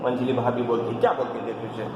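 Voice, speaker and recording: A man's voice: mid-range voice, level tone, fast. A man teaching a play text, explaining it to students and repeating lines with rhetorical questions. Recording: echoey hall, faint background noise.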